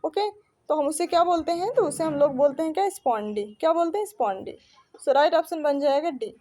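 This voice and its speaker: A young Indian woman teaching an English literature exam lesson, reading questions slowly and quizzing listeners in Hindi. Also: high voice, mellow. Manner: reads questions slowly, then explains in Hindi with repeated quiz-like questions.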